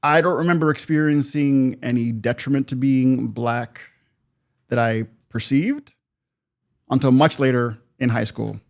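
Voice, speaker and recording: A man's voice: medium pitch, measured pace, vocal fry. Reflective middle-aged man telling his story. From Canada. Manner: reflective, animated when recounting, laughs often. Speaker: podcast guest, producer. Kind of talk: personal storytelling in conversation.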